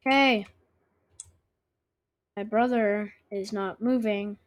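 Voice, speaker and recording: A woman's voice: medium pitch, steady tone, takes it slowly. A woman hosting her own gaming channel, chatting to viewers as she plays and asking them to subscribe. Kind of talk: casual let's-play commentary. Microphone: own microphone.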